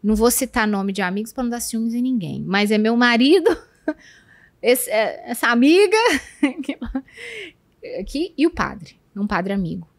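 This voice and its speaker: A woman's voice: on the high side, very animated, a little slow, pauses often, no room sound, clean studio sound. Brazilian woman in her thirties, explaining. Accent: Brazilian Portuguese. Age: 30s. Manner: explanatory, emphatic, lists points. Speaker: podcast guest, communication professional. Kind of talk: casual podcast conversation.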